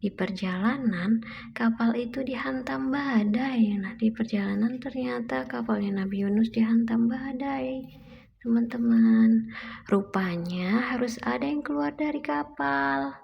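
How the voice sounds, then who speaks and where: A woman's voice: fairly high pitch, measured pace, gravelly. A woman, a mother reading a picture book aloud to toddlers in simple storytelling, repeating and explaining lines, on a muffled recording with background noise.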